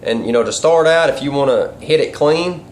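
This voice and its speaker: A man's voice: fairly high pitch, normal speed. Folksy man giving a casual how-to, noisy recording. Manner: folksy, rambling, colloquial grammar. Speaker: duck calling instructor and caller. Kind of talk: casual instructional vlog talk. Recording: clear background noise.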